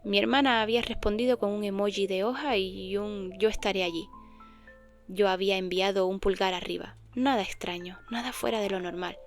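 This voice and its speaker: A woman's voice: mid-range voice, steady tone, brisk, hardly any pauses, soft background music. A woman narrating a first-person mystery story in a subdued, often half-whispered voice.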